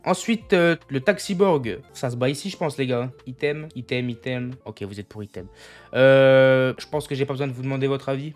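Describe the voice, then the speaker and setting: With soft music in the background, a young man streams games and chats easily with viewers at a moderate pace. His mid-range voice carries his thinking-aloud commentary, and he keeps calling the chat "les gars."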